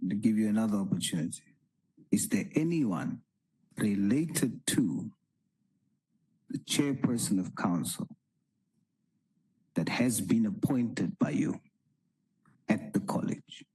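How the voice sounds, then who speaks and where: A man grills a witness at a hearing, asking slowly and insisting on answers. His voice is low and husky, with a dark tone. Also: expressive, rough recording. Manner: slow, pressing, repeats his questions. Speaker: parliamentary committee member. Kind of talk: formal questioning at a hearing.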